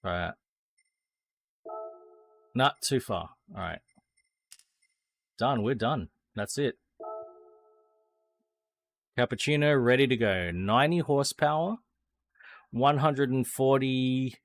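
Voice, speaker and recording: Slow-talking Australian man streaming sim racing. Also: medium pitch, lively intonation. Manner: thinking aloud while tuning a car, chatting with viewers; swears casually. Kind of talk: casual live-stream commentary.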